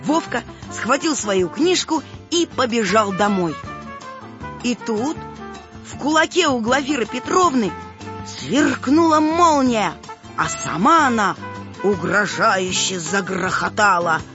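Woman, children's storybook narrator, animated, muffled recording, faint music. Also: high-pitched, slow pace. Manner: expressive, animated reading. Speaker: audiobook narrator.

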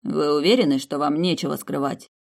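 A woman's voice: deep voice, fairly quick, vocal fry, darkish tone. A woman voicing an aloof young prince who talks in a dry, slightly mocking way, read from a fantasy audiobook. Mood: cool, wry.

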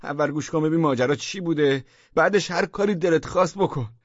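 A man voicing a brash, cheating man who loudly and indignantly defends himself, in a storybook reading. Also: big pitch swings, husky, dry recording, dull audio. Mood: pleading. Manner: loud, indignant, high-strung.

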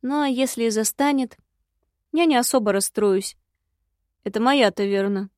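A woman narrating a first-person fantasy audiobook in a wry, lively storytelling manner. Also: fairly high pitch, moderate pace, dry recording, clean studio sound.

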